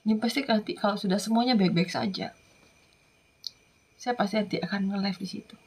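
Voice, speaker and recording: A woman from Madura, an evangelist, giving an earnest, emotional testimony that often drops into soft whispers. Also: medium pitch, fairly quick. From Madura, Indonesia.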